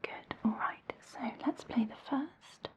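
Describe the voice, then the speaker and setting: A woman whispering slow, reassuring instructions in an ASMR hearing-test roleplay. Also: darkish tone.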